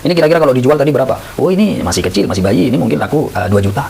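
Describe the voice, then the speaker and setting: Male teacher, quick animated lecturing, acts out scenes, faint background hiss. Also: medium pitch, creaky, low-quality recording. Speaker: Islamic boarding school teacher. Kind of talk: lively classroom lecture on Islamic law.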